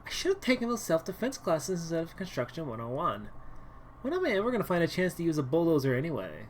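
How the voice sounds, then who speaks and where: A woman's voice: sits low, sing-song, quick pace, a little hiss or hum. A woman streamer reading a dating game aloud in a dramatic way, full of sarcastic, wry asides and exaggerated outbursts. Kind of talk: dramatic game read-through.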